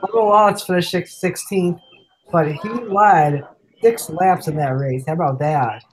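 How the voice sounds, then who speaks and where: A man's voice: sits high, a little slow, low-quality recording. Male host with a cold, loose and chatty, reading race results off a rundown. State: sick, coughing. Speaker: podcast host. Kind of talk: casual sim-racing recap chat.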